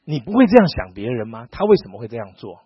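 A man's voice: medium pitch, quick pace, slightly rough, dry recording. A middle-aged pastor from Taiwan, preaching a sermon and acting out dialogue as he tells stories. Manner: animated storytelling, acting out dialogue. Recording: dull lo-fi sound.

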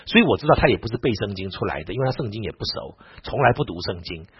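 Husky fast-talking male preacher. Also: lowish voice. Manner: animated, quick, retells dialogue with lively asides. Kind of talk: storytelling sermon. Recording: dull lo-fi recording, dry.

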